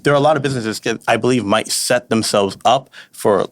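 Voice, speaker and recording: A man's voice: medium pitch, a little fast. A man co-hosting a podcast, explaining his view casually and checking in with "right?". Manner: explanatory, ends points with "right?". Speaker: podcast co-host.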